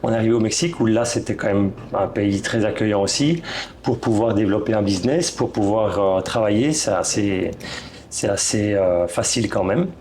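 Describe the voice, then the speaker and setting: A man's voice: fairly low pitch, moderate pace, darkish tone, a little hiss or hum. A Belgian man in his thirties with a Belgian French accent, talking casually as an interview guest, often restarting his sentences. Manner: hesitant, many restarts. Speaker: guest, real estate broker.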